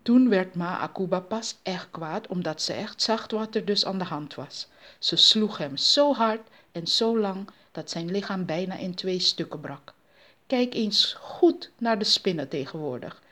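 A woman storyteller narrating a folk tale, dropping to a soft, low voice on asides. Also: expressive, unhurried.

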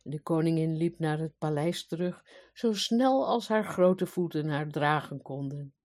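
A woman's voice: sits low, unhurried, darkish tone. Woman reading a fairy tale aloud. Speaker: storyteller.

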